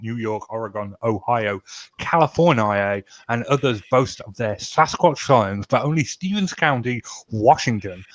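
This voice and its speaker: A man's voice: fairly low pitch, dry recording, poor audio. A man co-hosting a podcast, mixing casual banter with loose story reading and swearing freely. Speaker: podcast co-host reading stories.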